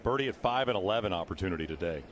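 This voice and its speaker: A male golf commentator with a deep voice gives brief live remarks on play. Faint outdoor noise sits behind him. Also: animated, very fast.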